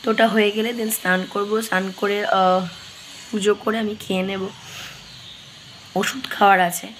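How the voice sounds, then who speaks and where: A hoarse woman, chatting through her day at home as she cooks. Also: medium pitch, flat delivery, normal speed, a bit bright, slight background noise, poor audio. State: hoarse, straining to speak. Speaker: vlogger. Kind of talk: casual daily vlog narration. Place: home kitchen.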